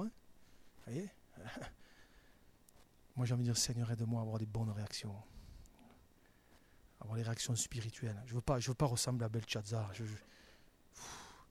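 A man preaching a sermon as a pastor. His delivery is halting and repetitive, with restarts and filler. It swings between hushed, reflective stretches and loud, emphatic bursts at a middling pitch.

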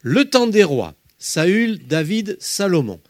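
Lively man teaching the Bible. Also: high voice, slow pace, no echo, clean studio sound. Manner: emphatic, lively teaching with spoken asides. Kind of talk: Bible study lesson with slides.

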